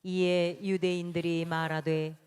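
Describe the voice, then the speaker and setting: Smooth, slow woman reading scripture. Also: lowish voice, little pitch movement, darkish tone. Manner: measured and solemn. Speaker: scripture reader. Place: church sanctuary. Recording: long church reverb.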